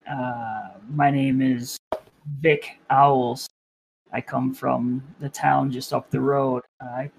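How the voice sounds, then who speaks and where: A man's voice: mid-range voice, vocal fry, slight background noise, rough recording. A man improvising role-play narration and dialogue as a player in a tabletop game.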